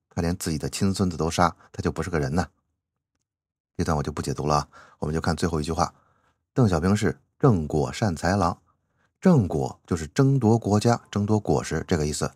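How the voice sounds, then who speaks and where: A man's voice: sits low, dry recording, clean studio sound. A man giving chatty commentary as he reads out a classic novel, drawing out his sentence-final particles. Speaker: channel host.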